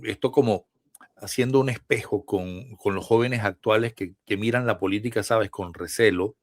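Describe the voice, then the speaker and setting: Low-voiced Venezuelan interviewer, dry sound. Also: male voice, normal speed, dry recording. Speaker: interviewer, host. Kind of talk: remote interview questions.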